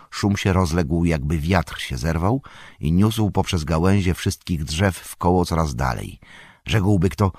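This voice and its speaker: A man reading a fantasy story aloud in an expressive, dramatic narration. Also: low voice, no echo, studio quality. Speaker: audiobook narrator.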